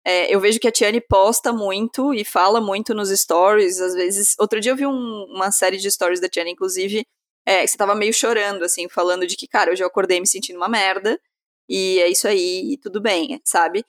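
A woman's voice: mid-range voice, steady tone, fairly quick. A woman hosting a podcast, asking long rambling questions in a casual, chatty way. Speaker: podcast host.

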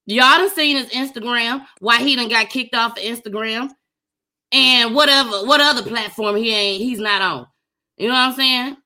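A woman's voice: a little high, normal speed, pushed and bright. A woman co-hosting a podcast in casual chat, blunt and emphatic, repeating points for her listeners. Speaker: podcast co-host.

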